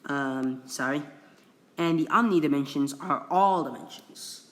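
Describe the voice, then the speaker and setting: Reading from a wiki for a casual screen recording, this young English-speaking video creator from Indonesia keeps stumbling, restarting and saying sorry. He has a fairly high, slightly bright voice.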